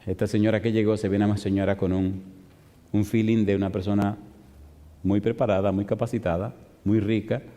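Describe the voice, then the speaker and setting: A male pastor preaching a sermon, telling a story with animated delivery and rhetorical questions to the congregation. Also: on the low side, brisk. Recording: long reverb of a large hall.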